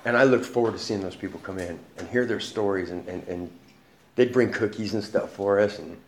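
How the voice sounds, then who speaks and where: A man's voice: on the low side, brisk. A man in his forties telling his life story in a casual, slangy way, often laughing as he talks. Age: 40s. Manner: street slang, laughs often while talking. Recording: echoey room with noise behind.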